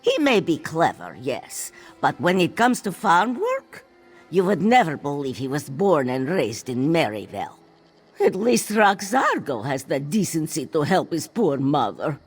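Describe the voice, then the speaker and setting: Here the same fantasy-game character, a husky-voiced, proud, exasperated cat-folk mother who owns a farm and refers to herself formally in the third person, is voiced by a woman. The performance is unhurried and heavily acted, low-pitched with big swings in pitch.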